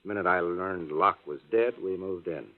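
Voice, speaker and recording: An actor playing a wry, unflappable American detective in a 1940s radio drama, laconic and deliberate. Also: male voice, deep voice, close to an everyday voice. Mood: grave, kindly. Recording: narrow-band old radio broadcast.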